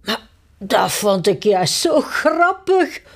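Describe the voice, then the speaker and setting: A woman's voice: mid-range voice, sing-song, slow, heavily acted. A woman reading a storybook aloud and voicing a jolly, easily amused king. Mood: cheerful. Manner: cheerful, amused. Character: jolly easygoing King Bobbel.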